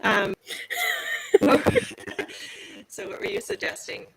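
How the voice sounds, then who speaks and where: A woman's voice: takes it slowly, crowd noise, low-quality recording. A woman co-hosting a live online Q&A, her voice coming through a faulty microphone that makes it sound robotic and metallic. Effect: robotic, metallic glitching microphone audio. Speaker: co-host answering listener questions. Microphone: faulty computer microphone on a remote call.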